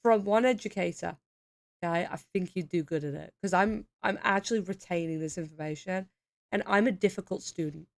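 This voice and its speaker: A woman chatting casually and reacting in an informal, expressive way as someone being taught. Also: on the low side, a little fast, creaky. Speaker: learner responding to an explanation. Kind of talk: casual chat.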